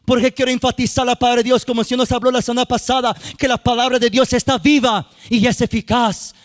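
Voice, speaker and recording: High-voiced preacher in a steady monotone. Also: male voice, quick pace. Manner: repetitive preaching with frequent "hermanos y hermanas" and sung-out phrases. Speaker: youth minister. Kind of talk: sermon. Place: church sanctuary.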